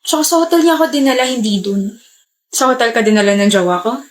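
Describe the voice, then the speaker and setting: A woman's voice: a little high, animated, quick pace. A woman acting out scripted POV comedy skits, switching between playful characters. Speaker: comedy skit creator.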